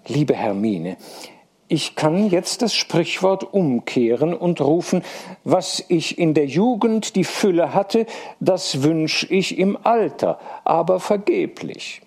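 A man's voice: on the high side, a little mellow, breathy edge, voice pushed up, exaggerated voice. A man reading aloud as a bold, teasing young man.

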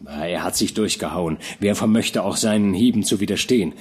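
A man's voice: deep voice, fairly quick, darkish tone, husky. A man reading an older noble knight and father who talks in a dignified, earnest way. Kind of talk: audiobook character reading.

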